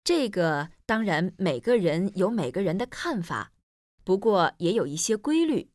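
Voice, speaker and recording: A woman playing a teacher in a scripted textbook listening dialogue, explaining clearly and evenly. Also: medium pitch, big pitch swings, measured pace, darkish tone, no echo, studio quality.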